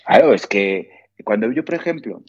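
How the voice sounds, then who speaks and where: A man's voice: lowish voice, lively intonation, normal speed, a little mellow, slightly rough, dull audio. A middle-aged man from Asturias, a podcast guest telling rambling stories with many restarts and imitated sounds. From Asturias, Spain. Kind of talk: casual chat.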